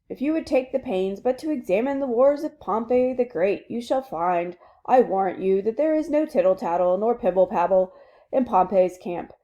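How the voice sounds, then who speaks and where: A woman's voice: on the high side, mellow, voice pushed up, natural voice. A woman reading a play aloud, voicing a fussy, pedantic male army captain who lectures about the proper rules of war.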